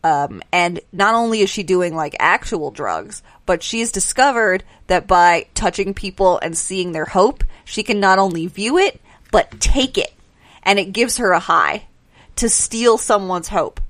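Woman, podcast co-host, brisk casual recap delivery, dry mic. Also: medium pitch, dry recording. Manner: quick, animated recapping with quoted voices.

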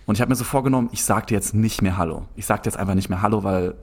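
A young man with a lowish voice tells a long, rambling anecdote in relaxed conversation. He talks in an animated way, keeps restarting his sentences, and leans on filler words. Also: racing. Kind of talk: casual storytelling in conversation.

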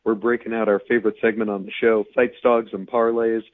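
A man with a hoarse, raspy, nearly lost voice, co-hosting a casual sports analysis show. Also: on the low side, flat delivery, a little fast, slight background noise. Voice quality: raspy, strained voice. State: hoarse, losing his voice. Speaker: sports podcast co-host. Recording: tinny radio-like narrowband line.

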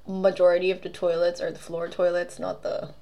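A woman's voice: lowish voice, a little fast. A young woman from the Philippines chatting casually as a podcast co-host, telling stories with lots of giggles. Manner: giggly, animated storytelling. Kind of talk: casual chat.

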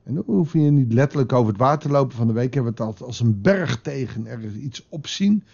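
A man's voice: mid-range voice, lively intonation, fast talker, vocal fry, a little mellow, lo-fi sound. A man preaching a devotional sermon in a conversational way, now and then acting out quotes with a raised voice. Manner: conversational, with dramatic acted quotes. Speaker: pastor.

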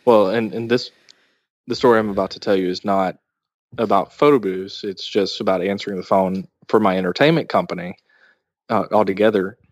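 Low-voiced chatty male co-host. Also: steady tone, fairly quick, no echo. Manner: chatty, tells long anecdotes. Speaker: podcast co-host. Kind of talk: casual podcast chat.

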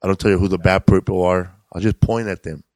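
A man's voice: low-pitched, steady tone, fast, a little mellow. A middle-aged man, a comedian and host, telling stories in a casual, rambling and profane way. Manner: profane, rambling, laid-back delivery. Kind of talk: casual storytelling chat.

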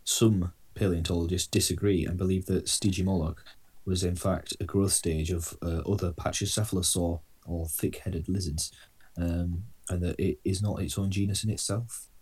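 A man's voice: sits low, fairly even intonation, normal speed, a little mellow, slightly rough. A man co-hosting a podcast, presenting a list of dinosaurs in dry, casual chat with casual swearing. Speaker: podcast co-host.

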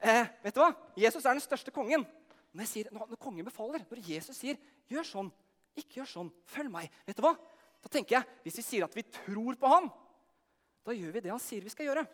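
High-voiced preacher in a hall. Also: male voice. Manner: energetic, asks the audience questions, shouts to lead cheering. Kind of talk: lively sermon with audience participation. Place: large hall with long reverb. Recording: reverberant hall sound.

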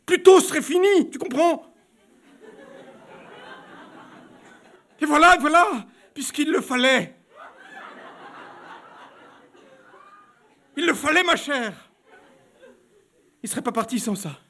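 A man's voice: very high voice, expressive, fast, fairly bright tone, husky, pitched above the performer's own voice, full character voice. A man doing a flustered, stammering young baroness. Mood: panicked. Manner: stammering, breathless, pleading. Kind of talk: audiobook reading.

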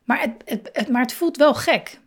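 A woman giving a reflective talk on parenting and feelings, speaking slowly and thoughtfully with soft laughs and pauses. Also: sits high.

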